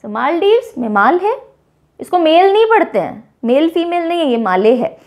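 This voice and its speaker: A young woman teacher with a high, bright voice runs a lively mnemonic lesson. She mixes Hindi and English and acts out small playful scenes to make facts stick. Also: moderate pace. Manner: playful, animated storytelling with mini scenes.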